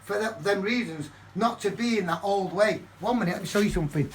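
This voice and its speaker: An older man, from Manchester, telling a story to camera in his flat, swearing constantly and ranting heatedly. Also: sits high, brisk. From Manchester, England. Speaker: vlogger. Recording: distant mic with faint background noise.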